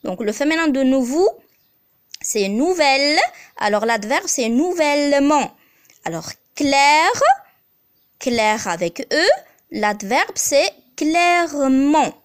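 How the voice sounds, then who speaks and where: A woman's voice: sits high, lively intonation, takes it slowly, long pauses. A woman teaching a grammar lesson as a voice-over, spelling out letters and repeating each example.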